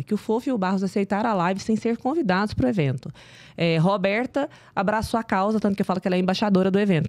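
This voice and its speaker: A woman, a nutritionist guest on a podcast, telling a story in animated casual chat and acting out the dialogue. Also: on the low side, dry recording. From Brazil. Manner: animated, acts out quoted dialogue.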